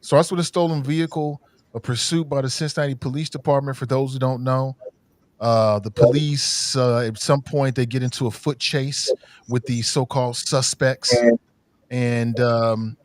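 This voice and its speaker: A man's voice: medium pitch, steady tone, normal speed, no echo. Guy on a livestream headset mic, dry close sound, kinda under the weather, rambly frank host talk. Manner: rambling, repeats words, frank opinions. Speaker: podcast host. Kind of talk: casual livestream commentary.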